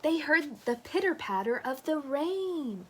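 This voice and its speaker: Woman, reading to toddlers, very expressive pitch, slow pace, playful child-directed storytelling. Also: slight background noise. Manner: animated, child-directed, coaxing listeners with simple questions and sound play. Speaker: storyteller reading a picture book to young children.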